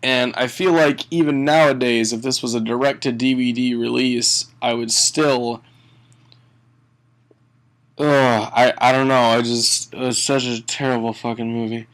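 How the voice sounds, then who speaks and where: Tipsy man with slow, creaky delivery. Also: mid-range voice, steady tone, fairly bright tone. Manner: tipsy, drunken rambling delivery; halting, sweary, often chuckling mid-sentence. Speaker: film reviewer. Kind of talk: casual comedic movie review.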